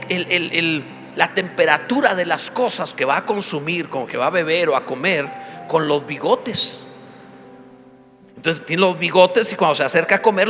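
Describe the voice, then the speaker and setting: High-voiced pastor preaching. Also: male voice, long reverb tail. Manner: animated and humorous, with building emphatic climaxes. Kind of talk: sermon. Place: church.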